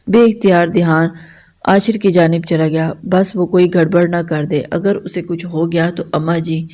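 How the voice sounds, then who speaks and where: A woman reads a dramatic novel aloud in a steady, measured narration. Her voice sits on the low side and sounds warm and mellow. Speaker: novel reader.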